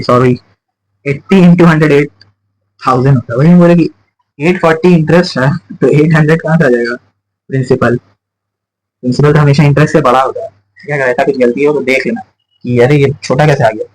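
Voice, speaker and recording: Explaining sums step by step at the chalkboard, this male maths teacher poses his own questions, answers them, and repeats every point. His medium-pitched voice is brisk, with frequent pauses, and the audio quality is poor.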